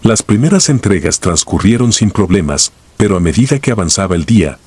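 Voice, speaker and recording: A man with a deep, low voice tells a scripted horror tale in the first person. His tone has a husky, slightly breathy grain. He keeps the delivery somber and grave throughout. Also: very animated, brisk, darkish tone, no echo. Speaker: horror story narrator.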